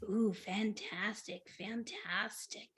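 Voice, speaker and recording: A woman's voice: medium pitch, fairly even intonation, slow, fairly bright tone, husky. A woman hosting an online improv show on a video call, upbeat, often repeating her praise. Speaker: host.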